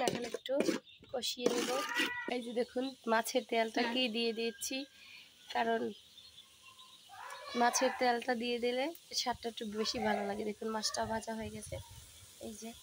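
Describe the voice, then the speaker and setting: A woman's voice: on the high side, normal speed, pauses often, heavy background noise. A woman vlogger talks viewers through a recipe step by step while she cooks at a home wood-fired stove. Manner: steady step-by-step narration, addresses viewers as friends. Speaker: cooking vlogger. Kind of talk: casual cooking demonstration.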